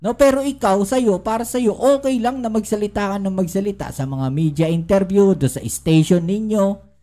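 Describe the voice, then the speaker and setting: Female commentary vlogger, mid-pitch, conversational, heavy on rhetorical questions and viewer asides. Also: normal speed, dark tone. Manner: rhetorical questions, tag "no?" and "di ba?" throughout; addresses viewers directly and often. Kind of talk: casual political commentary.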